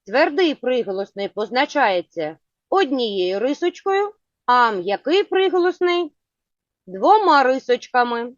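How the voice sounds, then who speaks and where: A woman teaching a children's phonics lesson, asking patient, clearly spoken questions. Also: high-pitched, very animated, measured pace, dry recording. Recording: dull lo-fi sound.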